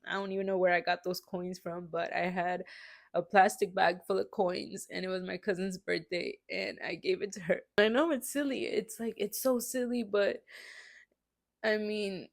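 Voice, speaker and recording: A woman's voice: medium pitch, fairly even intonation, normal speed, gravelly. A woman speaking openly in a personal faith talk, rambling and confessional, often checking in with "right?". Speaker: faith vlogger.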